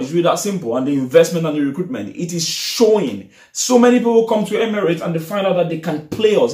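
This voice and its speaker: A man's voice: a little high, roomy sound. A young man giving a casual, frustrated post-match reaction as a football fan vlogger, talking animatedly in a small room straight to the camera. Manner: animated, frustrated, gestures a lot while talking.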